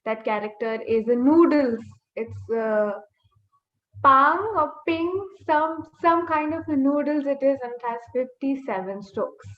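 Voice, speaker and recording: A woman with a high voice teaches beginners over a webinar, explaining step by step and stretching out sample sounds. The sound is dull, and her voice echoes around the room. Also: lively intonation, a little slow. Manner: explains step by step, stretching and singing out demonstration syllables. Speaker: language teacher. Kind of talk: online class lesson. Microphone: computer mic on a video call.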